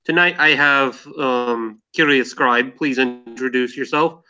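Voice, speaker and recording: A man's voice: medium pitch, slow pace, pushed and bright, clear, resonant tone. A man hosting a casual podcast discussion, hesitant with frequent ums and restarts. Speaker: podcast host. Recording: dull lo-fi mic.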